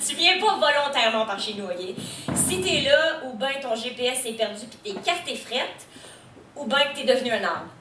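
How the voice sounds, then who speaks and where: A woman's voice: fairly high pitch, lively intonation, moderate pace, roomy sound, far from the mic, background noise. A young woman from New Brunswick with an Acadian French accent, doing a stand-up comedy set to a live crowd in a brash, teasing way. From New Brunswick, Canada. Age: young adult. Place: comedy stage before a live audience.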